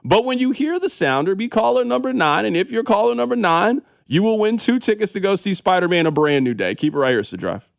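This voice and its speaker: Animated high-pitched man, radio contest promo. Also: brisk, creaky, hardly any pauses, no echo, studio quality. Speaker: radio host. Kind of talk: radio contest promo, announcing a giveaway with calling rules.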